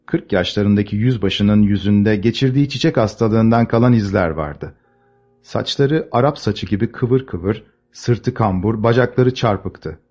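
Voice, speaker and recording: A man with a fairly low voice reads a literary novel aloud, measured and expressive in his storytelling. A faint bed of music runs underneath the narration. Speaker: audiobook narrator.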